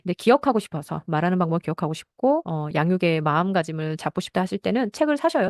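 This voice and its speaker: A woman parenting mentor teaches at a rapid clip, her voice sitting slightly low. She explains step by step and slips into short acted parent and child lines. The sound is dry and close, with no room around it. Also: darkish tone, no room sound. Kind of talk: parenting lesson talk.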